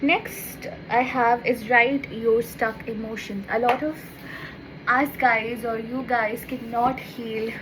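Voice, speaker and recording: Speaking slowly with a fairly high, fairly even voice, a young lifestyle vlogger from Bengal flips through her journal pages on camera. Bangla is her first language and she has a Bengali accent, and she keeps the tone chatty with frequent "see" and "so yeah." Background noise is audible.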